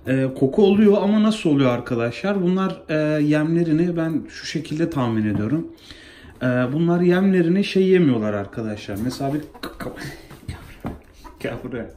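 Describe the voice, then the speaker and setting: A pet vlogger talks casually to his phone camera beside the tub in his home bathroom, coaxing and scolding his pets as he bathes them. His voice is high-leaning, expressive, fairly quick, and dark-toned. The echoey room is filled with running water and splashing, over slight background noise.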